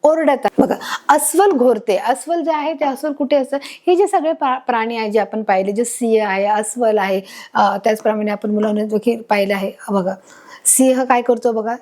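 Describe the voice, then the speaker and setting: A woman's voice: a little high, moderate pace, darkish tone. A woman teacher with a Marathi accent explaining an English lesson to children, asking and answering her own questions.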